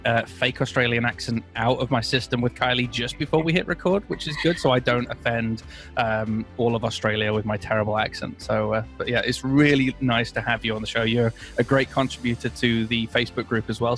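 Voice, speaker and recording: A man's voice: mid-range voice, a bit bright. A man hosting a casual interview, jokey and friendly, with fillers. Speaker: podcast host.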